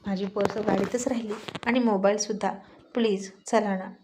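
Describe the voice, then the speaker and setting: A woman's voice: mid-range voice, fairly even intonation, moderate pace, background noise, natural voice. A woman voicing a stubborn but timid young wife who talks in a pleading, insistent way in a spoken story.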